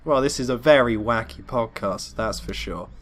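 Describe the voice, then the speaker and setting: A man's voice: medium pitch, normal speed, a bit bright, slight background noise. Slightly ill young man. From Britain. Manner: easygoing, laughs along. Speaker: podcast host. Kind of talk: casual chat.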